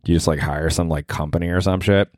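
A man's voice: low-pitched, fairly even intonation, fast talker, darkish tone, no echo, clean studio sound. An American man hosting a solo comedy podcast in casual chat, profane, rambling and self-mocking. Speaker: podcast host.

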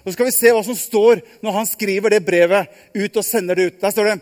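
A man telling a Bible story live to children, lively and asking them questions. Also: high-pitched. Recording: long hall reverb.

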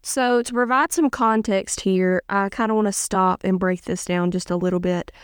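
Brief: sick woman podcast host, nasal, upbeat and earnest, smooth clear tone, dry close sound. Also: mid-range voice, fairly even intonation, moderate pace, dry recording. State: sick with a head cold. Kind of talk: devotional podcast with scripture reading and prayer.

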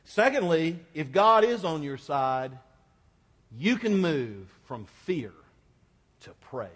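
A man's voice: on the high side, very animated, slow, fairly bright tone. A man delivering a sermon to a congregation in a colloquial, conversational way, repeating phrases for emphasis. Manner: emphatic repetition for effect. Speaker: preacher. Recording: echoing hall, long reverb.

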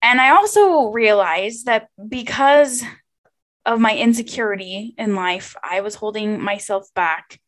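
A woman's voice: mid-range voice, lively intonation, a little slow, a bit bright. A young woman hosting a podcast, talking alone in a chatty, informal and confiding way about personal things. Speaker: podcast host.

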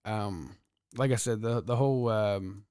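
A man's voice: lowish voice, a little slow, dark tone, clear, resonant tone, no room sound, studio quality. A man working as a corrections officer, a podcast guest telling blunt, profane stories in casual chat.

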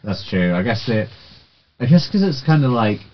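A man co-hosting a podcast, chatting in a relaxed way and thinking aloud. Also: mid-range voice, normal speed, dull audio. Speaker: podcast co-host. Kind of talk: casual chat about games.

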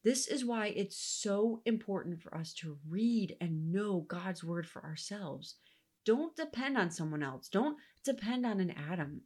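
A woman giving earnest, reflective Bible teaching, sometimes dropping into soft whispered asides. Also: fairly low pitch, slightly rough.

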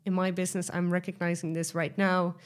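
A Dutch woman with a fairly low, level voice speaks quickly and smoothly as she hosts her own sales podcast. She's a sales coach who chats enthusiastically through her tips, full of fillers and restarts.

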